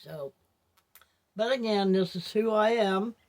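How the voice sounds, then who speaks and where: An older woman without her teeth in, talking to viewers in a rambling, reflective, halting personal monologue as a vlogger. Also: mid-range voice, a little mellow.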